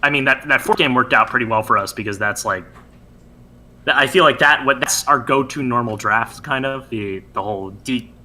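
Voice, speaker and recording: A man talking through his team's drafts with a very bright, tense, cutting tone. He rambles and jokes, his pitch jumping when he gets excited. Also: normal speed, a little hiss or hum. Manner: rambling, animated, joking. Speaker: team captain and drafter. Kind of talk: casual post-match chat.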